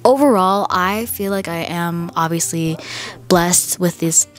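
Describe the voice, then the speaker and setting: A woman's voice: lowish voice, unhurried. A woman in her twenties narrating a casual vlog in a chatty, upbeat way, with fillers and repeated words. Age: 20s. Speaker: vlogger. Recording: faint background music.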